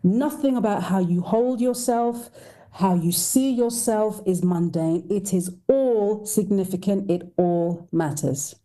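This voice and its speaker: A woman's voice: mid-range voice, takes it slowly, mellow. A woman voice coach, a podcast guest, speaking emphatically with rhetorical questions. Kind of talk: podcast interview.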